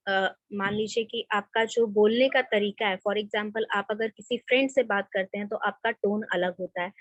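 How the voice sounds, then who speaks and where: A woman's voice: medium pitch, no room sound, highs cut off. A woman college lecturer teaching an online class, mixing in English and often checking "theek hai". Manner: explains in Hindi mixed with English, often adds "theek hai". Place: home or office desk, online class. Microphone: computer mic, screen share.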